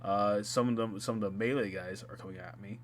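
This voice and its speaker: A man talking casually over his gameplay as a gaming YouTuber, chatty and quick to laugh at himself. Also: on the low side, fairly even intonation, a little hiss or hum. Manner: chatty, laughs at himself, restarts mid-sentence. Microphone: home gaming mic.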